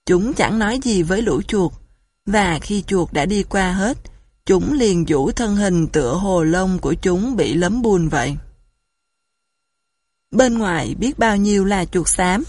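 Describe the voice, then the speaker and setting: Female audiobook narrator, husky tone, steady storybook reading, dry close mic. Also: on the low side, dry recording.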